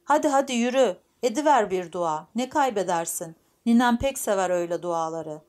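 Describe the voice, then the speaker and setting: A woman's voice: mid-range voice, animated, moderate pace, a little mellow, natural voice. A woman voicing a friendly, easygoing young man in an audiobook, who speaks in a coaxing way.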